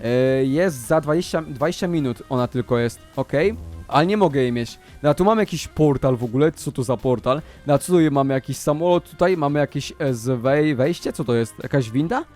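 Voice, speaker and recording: A young man giving excited, running commentary on a video game, narrating every move and shouting at wins and losses. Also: medium pitch, fairly quick, soft background music.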